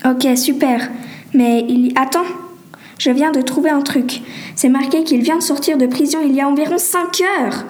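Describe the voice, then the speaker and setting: A woman's voice: high-pitched, moderate pace, a little mellow, close to an everyday voice. A woman voicing an anxious, hesitant teenage girl in a homemade story. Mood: uneasy. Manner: hesitant, nervous.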